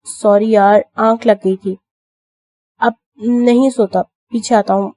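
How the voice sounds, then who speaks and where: A woman's voice: on the high side, steady tone, warm tone, natural voice. A woman reading a teasing, protective young husband.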